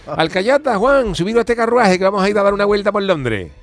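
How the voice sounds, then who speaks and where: A man voicing a boastful, chatty man who scolds and chatters quickly. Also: high voice, lively intonation. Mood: scheming.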